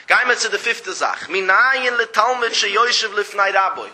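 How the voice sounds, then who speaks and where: A man giving a traditional religious text lecture as a teacher, reciting short phrases of the text and then explaining them with animated, rising emphasis. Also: high-pitched, normal speed.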